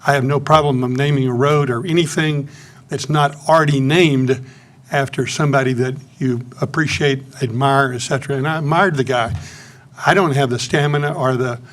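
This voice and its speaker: A man's voice: mid-range voice, fairly even intonation, normal speed, fairly bright tone. A man in his eighties with a Central Texas accent, speaking bluntly and plainly during public comment at a city council meeting, into a podium microphone. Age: 80s.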